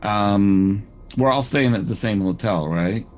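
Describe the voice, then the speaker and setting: Player: man, lowish voice, very slow and halting, faint hiss behind. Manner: hesitant, halting. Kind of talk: in-character tabletop play.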